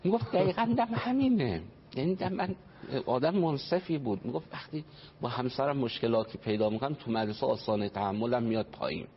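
Earnest male religious family speaker. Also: medium pitch. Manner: earnest, explanatory, quotes traditions. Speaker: family counselor. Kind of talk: religious family talk on radio. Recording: dull radio broadcast, faint noise.

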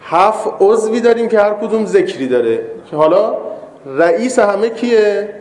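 A man's voice: sits high, lively intonation, a little mellow, roomy sound. A man giving a sermon, telling stories and voicing the people in them, with rhetorical questions. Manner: storytelling, voicing quoted characters, rhetorical questions. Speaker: cleric giving a religious lesson. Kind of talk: sermon with anecdotes.

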